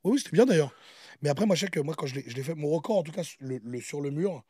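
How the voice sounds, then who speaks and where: Host man, fast and mellow, animated and boastful. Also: a little high, husky, no echo, clean studio sound. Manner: boastful, animated, talks over others. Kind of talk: casual chat.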